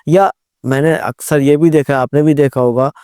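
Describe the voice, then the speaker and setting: A man's voice: a little high, fairly even intonation, darkish tone, smooth, dry recording, studio quality. A man hosting an interview, asking questions respectfully with frequent affirmations and light humor. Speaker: host.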